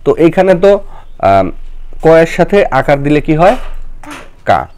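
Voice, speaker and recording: Woman teacher, very deep, lively intonation, patient and coaxing. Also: takes it slowly. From Bangladesh. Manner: patient, coaxing, explains step by step. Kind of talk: children's lesson.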